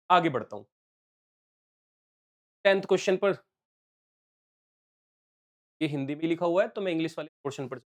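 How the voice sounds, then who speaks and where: A man's voice: on the high side, fairly quick. A male commerce teacher explaining exam questions step by step, working sums aloud and mixing English terms into his talk. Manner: explains step by step, calls viewers "beta" and "bachche". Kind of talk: solving exam questions on a live stream.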